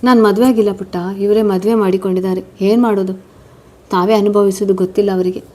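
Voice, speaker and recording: A sorrowful young wife in a spoken storybook, voiced by a woman narrator, talking softly about her losses. Her tone is gentle and wistful, close to the narrator's own voice. The pitch stays in an average range. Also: fairly even intonation, fast, close to an everyday voice.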